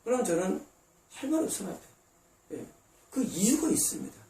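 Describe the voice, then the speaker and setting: A man's voice: high voice, very animated, normal speed, gravelly, warm tone, slight background noise. A man preaching a sermon as pastor, emphatic, acting out God and congregants in short quoted asides. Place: church sanctuary. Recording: roomy distant church recording.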